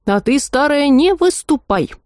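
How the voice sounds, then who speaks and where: A woman voicing an indignant three-headed male dragon who yells and shrieks his complaints in an audiobook. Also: lively intonation, a little slow, no room sound, studio quality. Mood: threatening. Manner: shrill, yelling.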